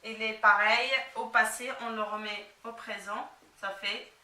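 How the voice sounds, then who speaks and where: A woman's voice: fairly high pitch, little pitch movement, a little slow, sharp tone. A woman teaching Arabic reading to a child, patiently sounding out each letter and vowel mark one at a time. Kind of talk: slow spelling-out lesson for a child. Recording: echoey room, mic at a distance.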